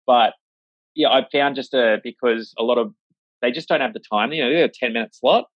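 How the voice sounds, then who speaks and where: A man's voice: mid-range voice, fairly quick, dry recording. Man, vet, casual rambling interview chat, many fillers, dry dull recording. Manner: acts out voices when quoting. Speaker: veterinarian, interview guest.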